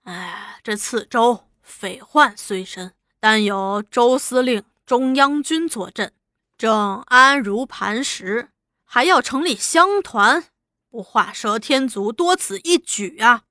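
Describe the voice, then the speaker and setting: A woman's voice: a little high, takes it slowly, bright, forceful tone, no room sound, clean studio sound. A woman storyteller voicing a shrewd older squire who talks modestly and probes warily. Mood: wary. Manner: self-deprecating, guarded, probing. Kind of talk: storytelling dialogue.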